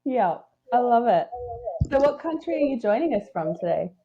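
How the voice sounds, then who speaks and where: A bubbly woman hosts with a high, lively voice that swings up and down. She talks slowly and giggles easily, and the call audio sounds dull and lo-fi. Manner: bubbly, giggly, slow-paced. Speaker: podcast host. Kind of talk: casual chat. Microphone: video call.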